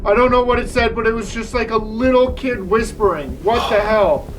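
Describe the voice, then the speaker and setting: A young man on a ghost-hunting vlog in a dark old inn, blurting out short words he hears and sounding startled. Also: very high voice, moderate pace, background noise. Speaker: paranormal investigator. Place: old haunted inn, dark rooms indoors. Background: loud eerie music.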